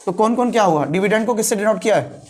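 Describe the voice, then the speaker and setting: A man's voice: high-pitched, expressive, quick pace, a little mellow. A man with a Hindi accent teaching a math class, who keeps quizzing his students with repeated questions. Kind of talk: classroom lecture.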